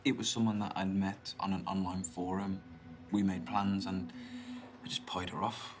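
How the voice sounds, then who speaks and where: A man's voice: low-pitched, level tone, moderate pace, a little hiss or hum, natural voice. A young British man acting an awkward, earnest date in a video game, hesitant and full of ums. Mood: nervous.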